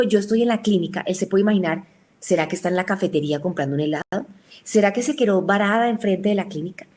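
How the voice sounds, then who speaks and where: A woman explains her subject to an audience. She speaks at a middle pitch and works through the points with examples and acted-out quotes. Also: dark tone. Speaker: lecturer. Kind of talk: explanatory talk.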